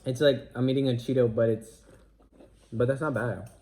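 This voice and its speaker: Young male vlogger, mid pitch, relaxed slangy delivery, noticeable background noise. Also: normal speed. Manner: laid-back, slangy, laughs often. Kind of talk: casual unboxing and snack tasting. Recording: noisy home video.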